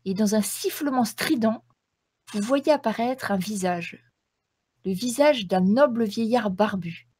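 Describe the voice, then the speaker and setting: A woman's voice: mid-range voice, animated, measured pace, mellow, slightly rough, no echo. A woman game master narrating a tabletop role-playing game in a descriptive storytelling manner.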